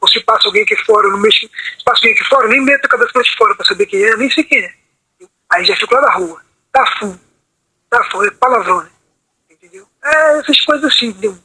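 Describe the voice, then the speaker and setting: A man's voice: high voice, fast talker, bright, forceful tone, breathy edge, dry recording, rough recording. A man on a video call telling a long personal account, rambling and asking "entendeu?" after almost every phrase. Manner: rambling, repeats "entendeu?" constantly. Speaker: meeting participant.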